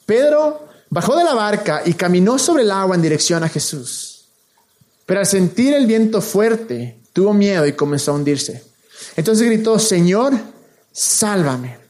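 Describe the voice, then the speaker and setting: A man preaching a casual, slang-filled sermon, retelling a Bible story with lively acted-out quotes. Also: high-pitched, normal speed. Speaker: youth pastor.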